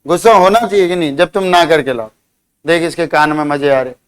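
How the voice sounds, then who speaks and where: Male vocab teacher, smooth resonant voice, quizzes and ribs a class. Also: fairly high pitch, a little fast. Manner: drills words by spelling them out and quizzing students; teasing, scolding banter with students. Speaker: English teacher.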